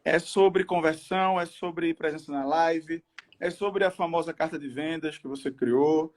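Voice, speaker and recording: Casting: male Brazilian live-stream host, slightly high voice, gym-bro hype, slangy and casual. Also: a little slow.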